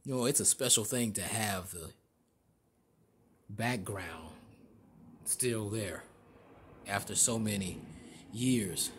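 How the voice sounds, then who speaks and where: A man narrating a casual walking tour inside a large store, halting often with fillers and restarts. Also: fairly low pitch, fairly bright tone, a little hiss or hum. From Chicago area. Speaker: vlogger.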